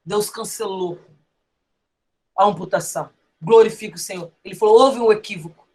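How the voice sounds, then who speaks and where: A woman's voice: mid-range voice, moderate pace, darkish tone. A woman with a Brazilian Portuguese accent preaching a sermon, telling a story with emphatic, often raised delivery. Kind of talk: sermon with testimony.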